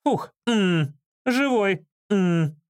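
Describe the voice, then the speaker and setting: A man reading an audiobook, voicing a frantic, shrill woman who shrieks and scolds. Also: animated, normal speed. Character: shrill frantic woman, fashion designer's assistant.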